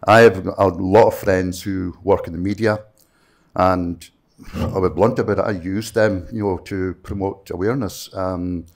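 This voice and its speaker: Speaking at a measured pace in a low, steady voice, this middle-aged native Gaelic speaker from Scotland's Western Isles addresses a panel in a conference room. He holds a handheld microphone and talks earnestly, with many fillers.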